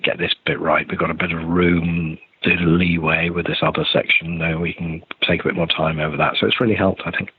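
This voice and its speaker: Low and slightly rough, this older man's voice comes through roomy, thin, phone-like call audio. Interviewed as a theatre director for a remote podcast, he wanders hesitantly and keeps restarting his sentences.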